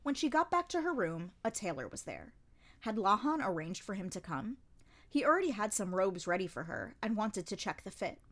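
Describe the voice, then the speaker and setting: A woman narrating a fan audiobook of a novel in an expressive storytelling manner. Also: medium pitch, moderate pace.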